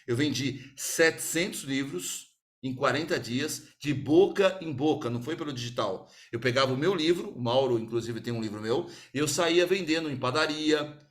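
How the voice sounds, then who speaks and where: A sales speaker with a Brazilian Portuguese accent gives an energetic talk to a small group. He speaks at normal speed in a mid-range voice and acts out little customer dialogues as he explains.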